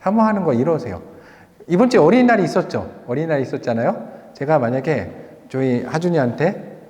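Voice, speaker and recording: Animated male pastor in a reverberant church. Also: on the high side, a little fast. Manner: animated storytelling with rhetorical questions. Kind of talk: sermon with personal testimony and closing prayer. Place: church sanctuary.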